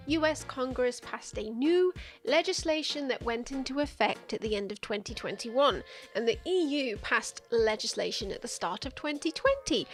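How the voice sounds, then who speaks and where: A woman's voice: high-pitched, fairly bright tone. Sarcastic woman narrating a video essay. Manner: sarcastic, profane, playful. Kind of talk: scripted sardonic narration.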